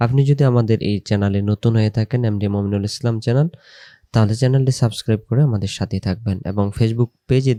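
A man teaching Quran pronunciation, explaining patiently and repeating syllables with drawn-out recitation. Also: lowish voice, mellow.

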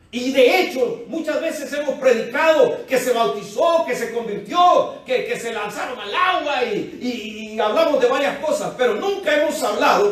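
A pastor preaches a teaching sermon in a high, light voice. He is picked up from a distance, and his words ring around a very echoey church hall. He speaks to the congregation as brothers. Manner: teaching tone, addresses listeners as brothers.

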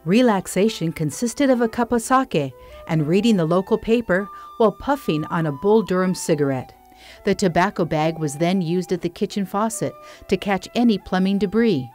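Female documentary narrator, measured and calm, lowish voice over light music. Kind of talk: scripted narration. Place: studio voice-over.

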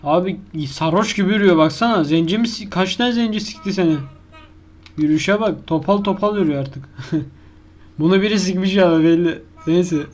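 A man with a high, darkish voice talks at normal speed while playing a horror game live on YouTube. He swears constantly and crudely, yelps when frightened, and argues back at the game's monster.

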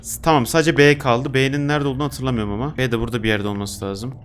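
Fast-talking young man narrating a game. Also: mid-range voice, steady tone. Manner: talks to himself while playing, reads game notes aloud; gets loud and frantic when chased. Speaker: gaming YouTuber. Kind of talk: let's play commentary.

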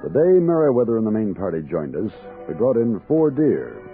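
A kindly, capable frontier captain in a 1960s radio drama. His voice is deep and moves freely up and down, measured and matter-of-fact, on a dull old recording. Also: very animated, faint music behind. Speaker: narrator and lead character.

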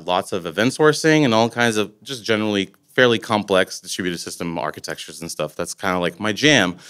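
His voice is lowish, clear, resonant and a bit bright: a man in his forties from Latvia presenting a technical topic casually. He speaks at a podium microphone in a conference room, phrasing things loosely and rambling with many fillers.

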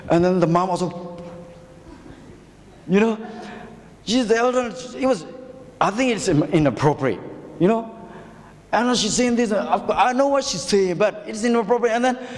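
A male pastor preaching a sermon in a church hall, in a halting, repetitive way with rhetorical questions. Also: sits high, animated. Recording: long church hall reverb.

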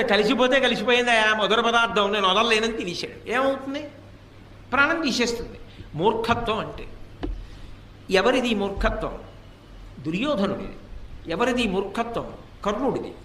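A man with a high, bright voice gives a devotional discourse, firing off rhetorical questions and slipping into the voices of the people he quotes. He sounds a little far from the mic, in an echoey hall with faint noise behind him. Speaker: religious discourse speaker.

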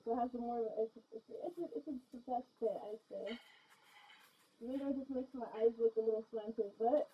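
High-voiced woman muffled through a gas mask. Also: normal speed, husky. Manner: rambling, giggly, lots of ums and restarts. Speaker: vlogger. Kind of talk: casual vlog chat.

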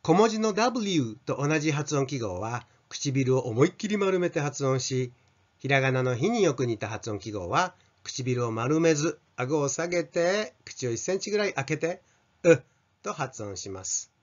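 A man's voice: medium pitch, very animated, normal speed. An older Japanese man teaching an English pronunciation lesson, carefully modelling sounds for students to repeat. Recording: slightly dull lo-fi sound.

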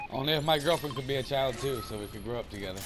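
Easygoing man in his forties, noisy line. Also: medium pitch. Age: 40s. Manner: easygoing, calls others bud and dude. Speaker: gaming YouTuber. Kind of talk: casual voice chat while gaming. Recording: loud background noise.

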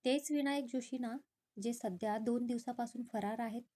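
A woman's voice: on the high side, moderate pace, dark tone, lightly acted. A woman voicing a stern, wealthy older father who speaks scornfully and accuses.

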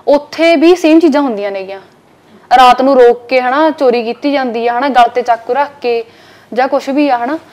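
A young woman from Punjab with a high, lively voice talks fast and frankly as an interview guest. She keeps tagging her sentences with little fillers. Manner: quick, frank and plain-spoken, with many filler tags. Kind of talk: casual interview talk.

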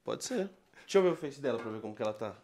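A man's voice: mid-range voice, expressive, very fast, darkish tone, close to an everyday voice. A man playing a laid-back soothing buddy. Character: calm young male buddy of a dumped guy.

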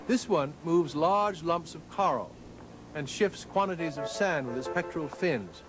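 A man delivers scripted nature documentary narration in a fairly high voice. His phrasing is measured and formal, in the manner of a storyteller. Music plays clearly behind him. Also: low-quality recording. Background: background music.

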